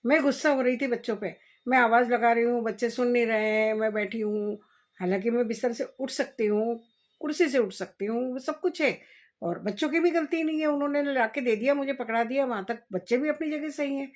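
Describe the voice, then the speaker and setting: A woman's voice: fairly high pitch, fairly quick. A woman vlogging at home in a casual chat, talking straight to her viewers and musing aloud. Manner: chatty, talks straight to viewers, muses aloud.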